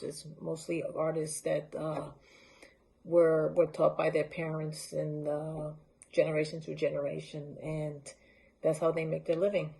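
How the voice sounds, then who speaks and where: A woman's voice: deep voice, vocal fry, warm tone. A woman from Honduras, presenting handmade crafts in a casual, unscripted show-and-tell talk and holding pieces up to the camera. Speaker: library art talk presenter.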